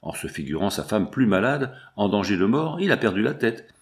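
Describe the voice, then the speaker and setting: Male reader voicing an anxious young widow, pleading; low-ish voice. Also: sing-song, a little fast.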